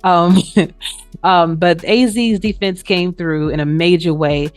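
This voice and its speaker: A woman who both plays in a sports league and co-hosts its show offers a relaxed recap, her casual talk peppered with trailing "you know"s. She has a fairly low, clear and resonant voice, keeping a steady tone at a slow pace. There's roomy echo and background music.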